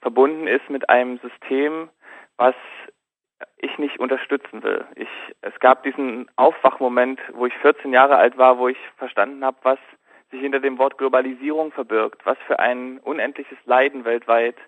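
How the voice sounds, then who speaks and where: A man being interviewed over the phone. He speaks in a thoughtful, halting way and often pauses to search for words. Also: mid-range voice, fairly even intonation, no room sound. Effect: thin phone-line sound, like a headset call. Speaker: interview guest. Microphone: telephone. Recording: tinny, dry phone line.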